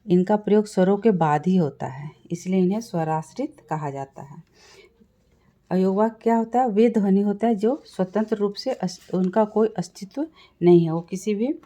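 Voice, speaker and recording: A woman teaching Sanskrit grammar, explaining slowly, repeating points and asking and answering her own questions. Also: medium pitch, mellow. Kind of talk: classroom-style lesson explanation.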